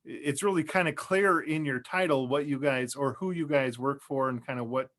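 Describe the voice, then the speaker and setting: A man's voice: medium pitch, normal speed, fairly bright tone. A man hosting a podcast in casual chat, with a jokey, folksy way of talking. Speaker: podcast host.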